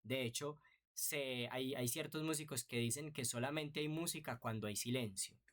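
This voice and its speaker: A man's voice: medium pitch, normal speed, a bit bright. A man teaching an online music theory lesson, patient and explanatory, often checking in with rhetorical questions.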